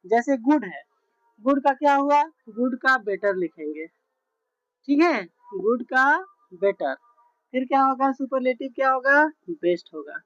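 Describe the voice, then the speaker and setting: A woman teaches a grammar lesson at an unhurried, deliberate pace, repeating each word and spelling it out letter by letter. Her voice sits a little high. The recording is dull and muffled, with a close, dry sound. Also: expressive, fairly bright tone, dry recording. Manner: slow, repetitive, spells words out letter by letter with frequent check-ins.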